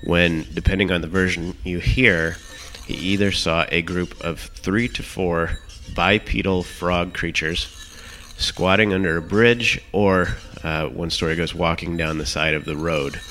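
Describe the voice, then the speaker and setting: A man hosting a show with a croaky voice, hoarse from illness, moving between narration and casual announcements with a hesitant, unhurried delivery. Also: deep voice, steady tone, sharp tone. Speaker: show host. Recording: music playing behind the voice. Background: music.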